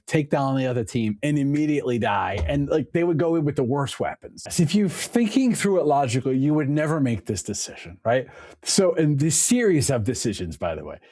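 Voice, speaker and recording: A man, a podcast guest, telling stories in a casual conversation with an animated, laughing manner. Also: fairly high pitch, no echo, clean studio sound. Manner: animated storytelling, laughs often.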